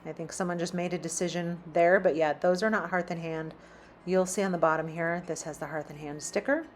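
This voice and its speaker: A woman's voice: lowish voice, steady tone, a little fast, a little hiss or hum. A woman chatting casually as she browses a store, reading out prices as she walks. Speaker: shopping vlogger. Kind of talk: casual shop-with-me narration. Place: inside a large store.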